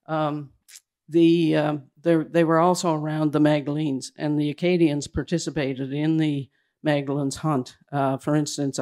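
A man giving a slide presentation at a public event indoors, talking in a hurried, halting way that keeps restarting its phrases. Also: fairly high pitch, creaky, dark tone. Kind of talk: slide presentation to a live audience.

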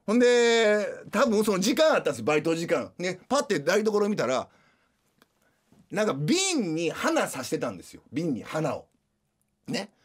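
A man's voice: high voice, sing-song, normal speed, breathy edge. A man with a Kansai accent, hosting a radio show and animatedly retelling scenes in casual storytelling. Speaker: radio host.

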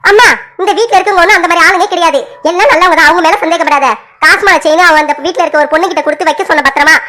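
A woman's voice: extremely high pitch, fairly even intonation, racing, bright, forceful tone. An actress playing a young daughter who explains and pleads with her mother in a family drama. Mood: defensive. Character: young daughter, defensive but reassuring.

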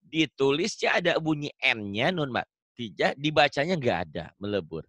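Bright-voiced male recitation teacher. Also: medium pitch, very animated, dry recording. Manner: patient, repeats rules slowly for the student. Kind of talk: one-on-one tajwid lesson.

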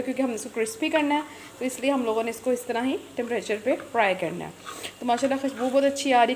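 A chatty woman talks her viewers through a recipe, filmed on a phone camera in her home kitchen. Her voice sits fairly high, and a faint hiss of noise runs under it. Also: darkish tone. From Pakistan. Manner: chatty, repeats filler phrases, addresses viewers directly. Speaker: cooking channel host. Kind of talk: home cooking tutorial.

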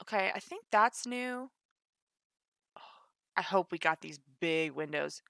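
A woman reacting to a game trailer, gushing and excitable, gasping often. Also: fairly low pitch, measured pace, gravelly, dry recording, studio quality. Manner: gushing, excitable, frequent gasps. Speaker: gaming youtuber. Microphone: home desk mic, no face cam.

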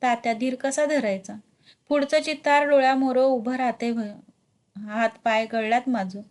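A woman's voice: fairly high pitch, steady tone, normal speed, natural voice. Storybook role: young rural farmer in grief, read by a woman, plaintive. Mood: grieving. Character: young male farmer, grieving and anxious.

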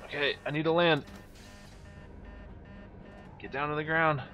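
Over faint background music, a game-playing commentator with a fairly high voice keeps a measured pace. His commentary is casual and excitable, full of exclamations and remarks to himself.

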